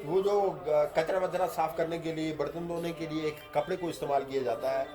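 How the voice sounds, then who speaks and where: Man, teacher, slightly high voice, grammar lesson, reads a phrase then explains it, soft music under. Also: steady tone. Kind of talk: lesson explaining a text line by line.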